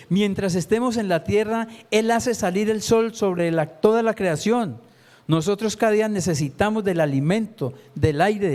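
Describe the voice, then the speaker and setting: High-pitched lay preacher, a man who keeps asking the congregation questions. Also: warm tone. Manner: asks the congregation rhetorical questions. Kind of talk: sermon.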